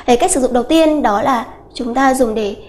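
High-voiced woman teaching grammar. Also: a little mellow. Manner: slow, repetitive explaining with many filler "à" sounds. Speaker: English teacher. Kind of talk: exam-prep grammar lesson.

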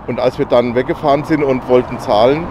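A man's voice: mid-range voice, steady tone, fairly quick. Chatty older man outdoors by traffic. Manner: chatty storytelling with fillers. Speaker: travel vlogger. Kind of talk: casual travel chat. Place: outdoors on a harbour bridge. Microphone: selfie camera at arm's length. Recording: outdoor noise, traffic behind.

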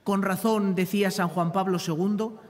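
A man's voice: sits high, fairly even intonation, moderate pace. A middle-aged man preaching a reflective homily phrase by phrase, as a priest at a chapel lectern. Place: large open chapel, lectern microphone. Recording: long reverberant chapel echo.

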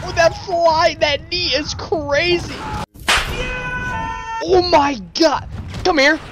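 A man doing casual, slangy gaming commentary as a loud, excitable frat bro, whooping and exclaiming, his voice strained from yelling. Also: very high-pitched, slow, heavy background noise. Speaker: let's play streamer. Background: game music and sound.

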